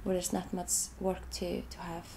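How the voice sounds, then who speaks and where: This is an interview in which an Icelandic woman, an artist with English as her second language, describes her photographs, hesitating, repeating words and restarting sentences. She speaks at normal speed in a fairly low, warm voice with vocal fry and flat delivery. There's a little hiss or hum.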